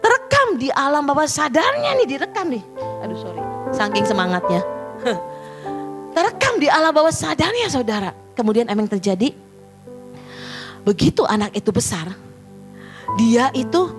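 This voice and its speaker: A woman pastor preaching a sermon in an animated way, often turning to address the congregation directly. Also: sits high.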